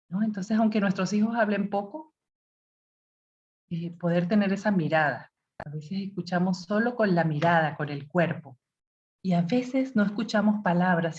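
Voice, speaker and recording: A woman giving a calm, advising talk to parents, sometimes acting out what a parent might say to a teenager. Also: on the low side. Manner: calm, advising, acts out parent-child dialogue. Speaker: parenting speaker. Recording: dull lo-fi audio.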